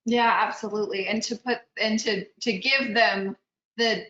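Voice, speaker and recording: Bright-voiced woman on a roomy video call. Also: a little high, steady tone, highs cut off. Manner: upbeat, quick acknowledgements. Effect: video call audio. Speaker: webinar moderator. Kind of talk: moderating a panel webinar.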